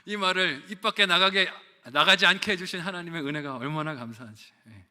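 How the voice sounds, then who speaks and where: A man's voice: high voice, fairly quick, sharp tone. A middle-aged man, a pastor, preaching a sermon, telling a personal story with quoted asides and rhetorical questions. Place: church sanctuary. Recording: long church reverb.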